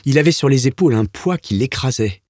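A man's voice: mid-range voice, animated, fairly quick, darkish tone, no echo, studio quality. A man narrating a novel as an audiobook, telling the story expressively. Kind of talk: scripted narration.

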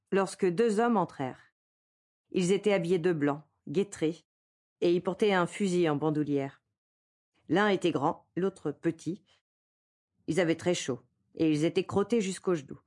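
A woman narrating a literary story in a calm, measured manner. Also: fairly low pitch.

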